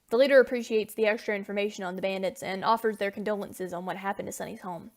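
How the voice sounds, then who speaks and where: A woman narrating a scripted story in a brisk storytelling style. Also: medium pitch.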